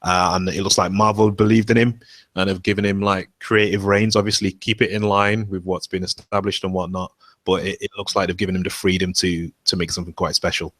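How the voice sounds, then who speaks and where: A man speaking as a guest on a casual podcast, measured and thoughtful. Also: low-pitched, little pitch movement, fairly bright tone, no room sound. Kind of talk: casual chat.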